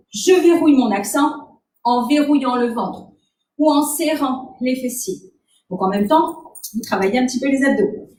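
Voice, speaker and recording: A woman's voice: sits high, slight background noise. Woman dance teacher counting beats, roomy. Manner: instructive, counts beats aloud. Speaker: dance instructor. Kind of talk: counting and explaining dance moves. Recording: roomy, from a distance, faint ambience.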